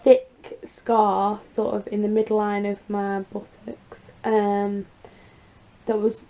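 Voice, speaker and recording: A woman with a croaky, creaky voice after surgery, chatting casually in a rambling, confiding personal vlog update. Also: mid-range voice, completely flat delivery, slow, warm tone, low-quality recording. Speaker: vlogger.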